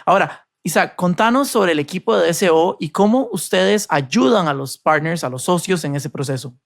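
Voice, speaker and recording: This is a man from Costa Rica who hosts a podcast. His voice sits fairly high and has a gravelly edge, and his delivery is polished and upbeat, like a prepared script. The mic is close and the sound is dry, with no room echo. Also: animated, moderate pace. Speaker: podcast host. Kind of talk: scripted podcast intro and interview.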